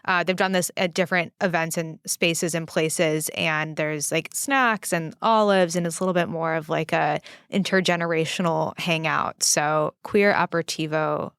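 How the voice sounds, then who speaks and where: A woman co-hosting a podcast, relaxed and fluent, often saying "like" and "kind of". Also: deep voice, moderate pace, hardly any pauses, smooth, dry recording, studio quality. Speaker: podcast co-host. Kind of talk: casual chat. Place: New York studio.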